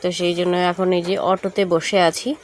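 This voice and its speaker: Talking straight to her viewers, a young woman from West Bengal, India, narrates a casual travel vlog, chatty and prone to fillers and self-corrections. Her fairly low voice stays level at a moderate pace, with slight background noise behind it.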